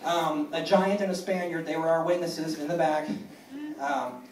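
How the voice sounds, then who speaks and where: A man in his thirties doing a stand-up comedy set on a club stage, deadpan and self-deprecating, with lots of ums and restarts. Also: a little high, slight background noise. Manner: deadpan, self-deprecating, halting with many fillers. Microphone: phone recording from the audience. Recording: echoey room, mic far from stage.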